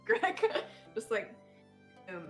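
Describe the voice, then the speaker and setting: A woman's voice: on the high side, sing-song, very slow, faint music behind. A woman playing a tabletop game, cheerful and giggly. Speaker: player. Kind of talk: casual tabletop play.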